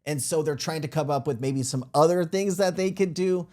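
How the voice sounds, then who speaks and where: A man's voice: a little high, normal speed, darkish tone. A man hosting a casual commentary show, talking informally to viewers with a slightly thick voice from a sore throat. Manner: informal, addresses viewers as guys. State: sore throat, feeling unwell. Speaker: crypto show host. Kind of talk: casual commentary on played clips.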